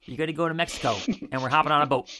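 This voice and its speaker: A podcast co-host chats casually, laughing as he acts out quoted lines. His slightly high voice is bright and forceful, steady in tone, and he talks at a racing pace.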